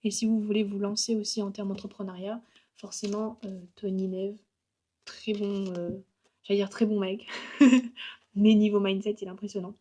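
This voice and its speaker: A young woman chats to her camera in a relaxed vlog. Her voice sits in an ordinary middle pitch for a woman. She rambles cheerfully, trailing off and restarting with easy, upbeat energy. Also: normal speed. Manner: chatty and upbeat, many fillers, laughs at herself. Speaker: vlogger and graphic designer. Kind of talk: casual vlog chat.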